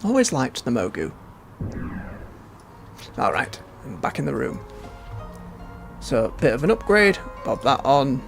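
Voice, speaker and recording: A man's voice: medium pitch, very animated, a little slow, vocal fry, pauses often. A man giving rambling, understated casual commentary as he plays a game. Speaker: game streamer. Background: game music.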